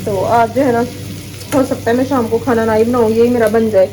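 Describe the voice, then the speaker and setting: A woman's voice: on the high side, steady tone, brisk, dark tone, slight background noise. A woman from Pakistan chatting casually to her viewers in a home vlog, showing her cooking and sewing and talking to her children. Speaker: family vlogger. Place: home kitchen and rooms.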